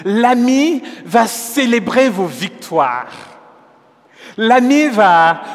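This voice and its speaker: A man preaching a sermon, earnest and gently persuasive, measured, often restarting his words. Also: a little high, in a large hall. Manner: measured, with frequent restarts and stumbles. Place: church hall.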